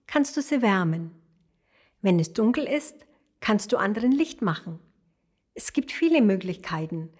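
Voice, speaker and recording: A woman as a gentle mother dragon. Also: medium pitch, natural voice. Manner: gentle, reassuring, explaining.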